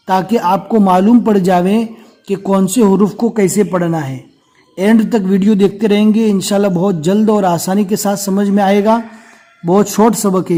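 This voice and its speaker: A man with a fairly high voice teaches the letters one by one. He talks slowly and patiently and repeats each letter again and again for beginners. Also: mellow. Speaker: Urdu reading teacher.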